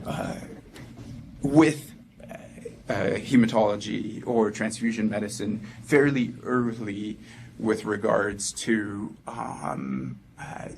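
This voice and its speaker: A man's voice: fairly low pitch, creaky, a little hiss or hum. A man with a French accent giving a medical lecture, hesitant and full of ums and uhs. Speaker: physician presenter.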